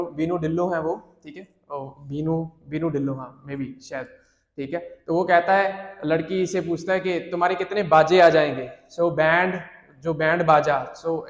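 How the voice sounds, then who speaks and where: A man teaching students in a chatty, teasing way, mixing English phrases into his Hindi. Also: a little high. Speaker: IELTS teacher. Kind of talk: classroom-style lesson to students. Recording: echoey room with long reverb.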